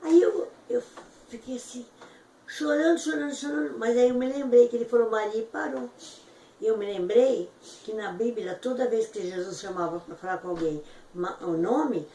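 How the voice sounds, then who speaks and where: A woman tells a personal testimony with fervent emotion, her voice leaping high at the peaks. She sounds distant from the mic in a roomy, echoey space, with faint background noise. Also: normal speed, mellow. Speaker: testimony giver.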